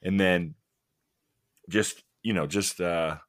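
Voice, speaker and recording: A man's voice: deep voice, fairly even intonation, takes it slowly, dry recording, clean studio sound. A man co-hosting a podcast, chatting casually and rambling, often restarting sentences and laughing at himself. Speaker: podcast co-host.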